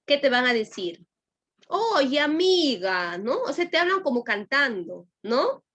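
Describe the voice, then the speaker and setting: A woman's voice: on the high side, very animated, normal speed, pushed and bright. A woman teacher with a Lima Peruvian accent, giving a class lecture and often checking in with her students. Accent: Lima Peruvian Spanish. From Peru. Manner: addresses students directly, with frequent "¿no?" and "¿ya?" checks.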